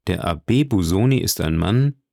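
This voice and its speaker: A man reading aloud voices a polished count who speaks smoothly and with calm authority. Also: deep voice, moderate pace, no room sound, clean studio sound, full character voice. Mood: assured, courteous. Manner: smooth, assured and courteous. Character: suave commanding count, polished and smiling.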